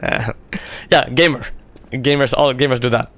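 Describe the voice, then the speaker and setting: With a fairly bright, medium-pitched voice at normal speed, a male streamer whose voice is going hoarse hangs out with viewers during gameplay. The chat is easygoing, punctuated by frequent laughter and many "you know"s.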